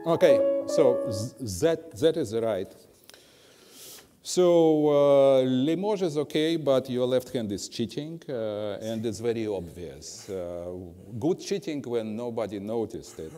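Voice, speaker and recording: A man leads a piano master class in a slow, unhurried way, humming rhythms as nonsense syllables and making blunt, dry remarks. His voice is mellow and dark, and it carries a long reverb through the hall, with faint piano in the background. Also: mid-range voice, lively intonation. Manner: scats rhythms with syllables while coaching; blunt, drily humorous corrections. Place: music school teaching hall.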